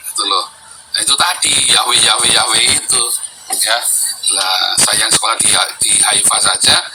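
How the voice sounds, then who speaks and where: A man hosting a heated talk on scripture, boastful and scolding as he lectures his listeners. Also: mid-range voice. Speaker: apologetics host. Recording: loud background noise.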